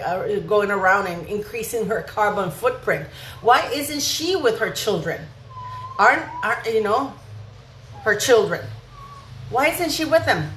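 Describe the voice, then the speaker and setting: A woman with a fairly high, slightly bright voice hosts an opinionated gossip commentary vlog, sounding emphatic and indignant and firing off rhetorical questions. She's recorded in an echoey room with faint background noise.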